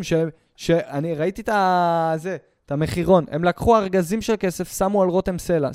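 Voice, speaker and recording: High-voiced man in a crude ranting bit. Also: clean tone, dry recording, clean studio sound. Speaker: comedian. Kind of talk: stand-up rant.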